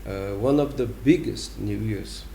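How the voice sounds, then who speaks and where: A man with a Brazilian accent answering interview questions as a diplomat, explaining deliberately and emphatically with pauses. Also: fairly low pitch, vocal fry, dark tone, a little hiss or hum. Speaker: ambassador giving an interview.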